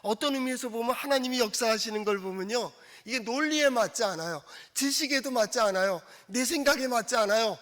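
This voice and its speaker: A man preaching a sermon as pastor. He asks the congregation questions and acts out quoted speech in a soft, coaxing tone. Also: very high-pitched, a little fast, hardly any pauses. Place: church sanctuary. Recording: long church hall reverb.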